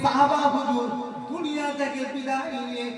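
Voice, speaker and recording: A man preaching a sermon at a large gathering, jumping between loud calls and soft asides and urging the crowd to respond. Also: extremely high pitch, fairly even intonation, normal speed, recorded from a distance, loud music behind the voice. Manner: questions and urges the crowd to respond. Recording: very echoey PA sound from afar, crowd behind.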